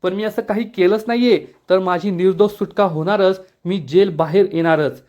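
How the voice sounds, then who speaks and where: A man's voice: sits high, steady tone, normal speed, darkish tone, close to an everyday voice. A man reading the lines of an arrogant, abusive husband who angrily denies the charges. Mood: angry. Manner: angry, blustering. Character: bullying older husband, man, arrogant villain. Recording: dull lo-fi recording.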